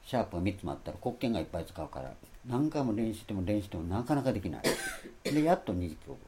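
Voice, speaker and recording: A man giving a Bible lecture in a rambling sermon style, stressing his points and loudly acting out the phrases he quotes. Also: on the low side, sing-song, rapid-fire, noisy background. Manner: rambling, repeats himself. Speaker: Bible teacher.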